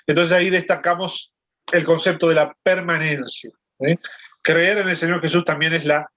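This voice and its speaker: A man's voice: on the high side, steady tone, moderate pace, sharp tone, muffled recording. A man leading a Bible lesson over a video call, explaining and often checking in with his listeners. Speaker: Bible study teacher.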